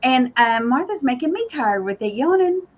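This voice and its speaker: A woman's voice: high voice, big pitch swings, normal speed. A woman co-hosting a casual livestream chat, teasing and laughing easily. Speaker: co-host. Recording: dull lo-fi stream audio.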